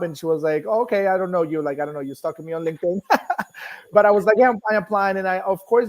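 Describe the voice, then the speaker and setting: A middle-aged man from Bogota, Colombia, a native Spanish speaker with a Colombian accent, speaks in a slightly high voice over poor audio. He's a nonprofit executive appearing as an interview guest, telling his own story informally.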